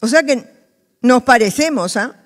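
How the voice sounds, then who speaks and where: A woman's voice: on the high side, animated, unhurried. A woman pastor with a Peruvian accent preaching a sermon in a church, acting out the worried cries of believers. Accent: Peruvian Spanish. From Peru. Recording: long church hall reverb.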